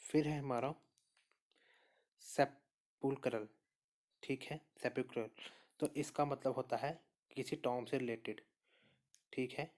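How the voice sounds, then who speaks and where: Male teacher, mid-pitched, steady and patient, talks through each answer and repeats the key points. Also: normal speed. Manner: steady explainer, repeats answers and says "okay" often. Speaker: exam prep teacher. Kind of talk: spoken lesson walking through quiz answers.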